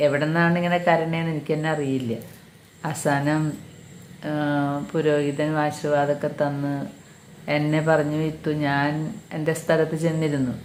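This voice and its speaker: A woman's voice: low voice, level tone, normal speed, long pauses, darkish tone, slight background noise. A middle-aged woman, a catechism teacher, giving an earnest personal religious testimony and calling listeners dear brothers and sisters. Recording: echoey room.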